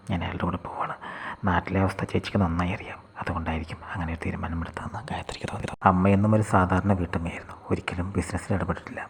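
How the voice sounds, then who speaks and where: A man narrating a scripted short story in a soft, half-whispered delivery. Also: sits low, husky.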